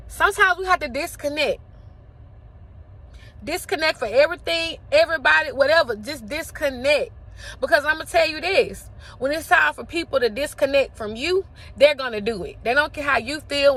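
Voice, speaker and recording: A woman's voice: high voice, fairly bright tone. A woman around forty giving an emphatic, impassioned motivational talk, repeating phrases for effect.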